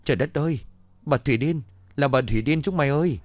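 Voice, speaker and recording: A man's voice: fairly quick, no room sound, natural voice. A man voicing a panicky village boy who stammers in fear in a storybook ghost tale. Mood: terrified. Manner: stammering, shrill when shouting.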